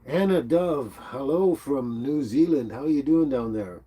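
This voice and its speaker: This middle-aged man has a husky, medium-pitched voice and talks a little slowly, his nose stuffed up from the flu. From home, he hosts a relaxed, rambling livestream, reading comments and greeting viewers by name over a laptop microphone.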